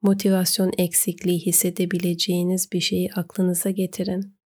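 A woman narrating a guided meditation, giving gentle, unhurried instructions with pauses. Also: on the low side, little pitch movement, husky.

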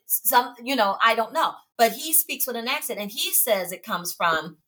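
A woman from Chicago co-hosting a podcast, telling a story in a lively, familiar way and calling listeners honey and baby. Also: fairly high pitch, moderate pace. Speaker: podcast co-host. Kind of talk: casual chat.

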